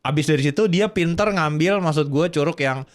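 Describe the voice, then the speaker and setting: A young man telling stories as a podcast co-host in a casual, slangy, animated way. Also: fairly high pitch, brisk. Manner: animated storyteller, slangy, rising to excited laughter. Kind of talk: casual chat.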